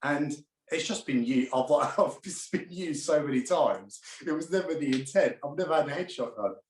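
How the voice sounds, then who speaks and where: A man as an interview guest on a video call, telling animated anecdotes and laughing often. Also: on the high side, moderate pace, slight background noise. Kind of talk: casual interview chat. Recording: roomy echo.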